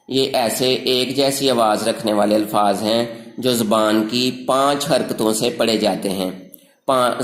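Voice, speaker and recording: A man teaching English rhyming words, reading word lists slowly and drawing out each word. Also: mid-range voice, reverberant, rough recording. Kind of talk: slow recorded grammar lecture.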